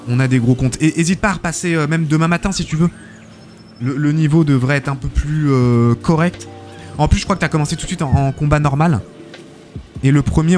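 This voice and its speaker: A man's voice: on the high side, a little mellow. A man hosting a live game stream, commentating matches and reading out chat, chatty and full of fillers, thanking viewers often.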